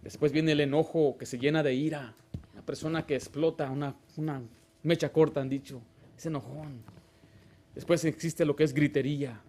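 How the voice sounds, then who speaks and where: A man's voice: a little high, fairly even intonation, moderate pace, darkish tone. A male pastor preaching a Baptist sermon, asking the congregation rhetorical questions and acting out little dialogues. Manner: acts out short dialogues in a raised voice.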